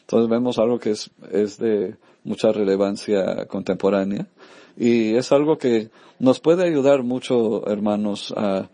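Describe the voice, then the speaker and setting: Mellow, low-voiced priest, halting and unhurried. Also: male voice, dry recording. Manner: halting, many filler sounds and self-corrections. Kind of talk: informal devotional talk.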